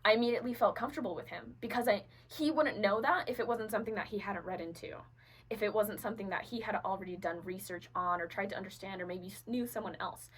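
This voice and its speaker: A woman's voice: medium pitch, fast, husky, low-quality recording. Earnest young woman telling her story. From Venezuela. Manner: earnest, with frequent fillers and restarts. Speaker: guest. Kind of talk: personal storytelling in a podcast interview.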